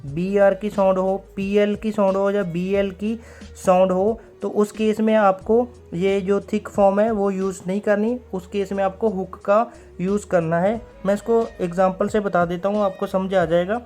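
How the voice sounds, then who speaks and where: A man's voice: high voice, flat delivery, a little mellow. Male teacher, patient and methodical, repeats key terms, faint music underneath. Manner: methodical, repeats key words, slows down to read out rules. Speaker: stenography teacher. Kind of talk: recorded class lesson.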